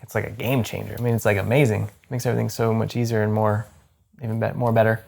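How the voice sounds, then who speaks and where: A man's voice: fairly low pitch, flat delivery, fast, gravelly, darkish tone. A man in his thirties hosting a casual chat to camera, enthusiastic and rambling with lots of restarts. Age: 30s. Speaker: host.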